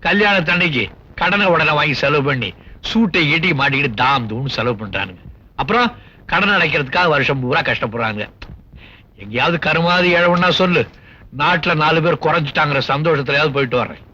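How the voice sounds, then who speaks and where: An actor playing a cynical bachelor boss who rants sarcastically about weddings and the news. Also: male voice, a little high, expressive, brisk, bright, forceful tone. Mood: scornful. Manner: sarcastic, scornful ranting. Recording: dull old film soundtrack.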